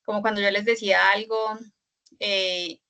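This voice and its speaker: Bright-voiced woman teaching an online class. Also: mid-range voice, little pitch movement, measured pace, creaky, clean tone. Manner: explanatory, many fillers and "¿cierto?" checks. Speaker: instructor. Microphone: video call.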